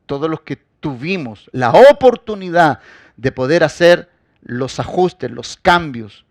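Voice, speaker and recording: A man preaching a sermon as pastor. He addresses the congregation directly and swings between loud, forceful emphasis and quiet asides. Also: on the high side, dry recording, clean studio sound.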